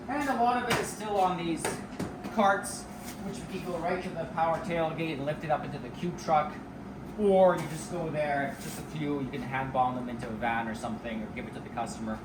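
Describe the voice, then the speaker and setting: Echoing warehouse space, medium-pitched speaker, informal rambling tour narration, distant microphone, thinking aloud. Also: a little fast. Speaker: business owner giving a warehouse tour. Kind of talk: casual walk-through video tour, unscripted. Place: large echoey rental warehouse and shop. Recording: echoey warehouse, distant mic, clearly noisy background.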